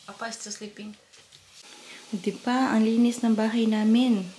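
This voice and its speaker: A woman speaking softly to comfort and gently scold her young child at home. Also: on the high side, level tone, moderate pace, echoey room, recorded from a distance, a little hiss or hum. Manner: soft, soothing, scolding gently. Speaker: mother.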